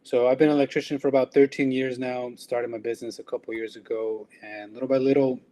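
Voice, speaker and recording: Man from El Salvador, tradesman guest, earnest and reflective, mid-pitched. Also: little pitch movement, fast talker, warm tone, low-quality recording. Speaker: electrician and business owner. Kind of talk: casual conversation.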